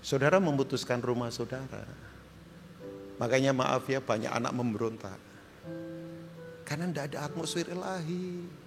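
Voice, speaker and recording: A middle-aged man preaching a sermon as pastor, joking and swinging from loud shouts to quiet asides. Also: mid-range voice, moderate pace, long pauses, soft background music. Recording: reverberant church hall.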